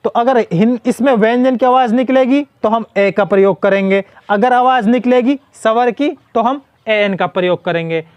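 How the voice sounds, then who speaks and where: A man with a high voice teaches a grammar lesson. He keeps asking his class a question and then answers it himself, repeating each key word. The sound is dry and close, with no room around it. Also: moderate pace, hardly any pauses, a little mellow, clear, resonant tone, no echo, dull audio. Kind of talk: explaining English grammar in Hindi.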